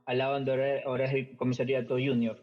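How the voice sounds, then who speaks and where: A man's voice: mid-range voice, level tone, quick pace. A middle-aged man from Ecuador with an Ecuadorian Spanish accent, talking casually as a podcast guest, hesitant, with many fillers and repeated words. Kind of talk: casual conversational storytelling. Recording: muffled lo-fi podcast audio, faint music.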